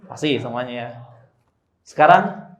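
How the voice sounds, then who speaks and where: A man teaching Quran recitation to a congregation, drawing out slow chanted verses and joking between drills. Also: mid-range voice, animated. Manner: demonstrates slow drawn-out recitation, joking asides. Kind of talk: live tajwid class with congregation. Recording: echoey room.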